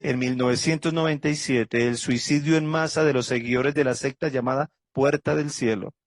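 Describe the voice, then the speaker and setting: A man's voice: medium pitch, fairly even intonation, moderate pace, no room sound. A man pastor teaching a Bible study lecture, going methodically through dates and facts and closing with an earnest prayer. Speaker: pastor teaching a theology class.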